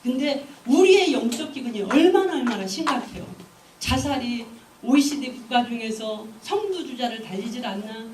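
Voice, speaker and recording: High, lively woman preaching in an echoey hall. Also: normal speed, distant mic, slight background noise. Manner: animated storytelling, exhorting. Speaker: evangelist. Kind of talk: sermon. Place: church.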